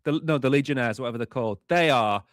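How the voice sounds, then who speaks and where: A man co-hosting a live stream, bantering in an animated, teasing way. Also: medium pitch, quick pace, dry recording. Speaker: co-host.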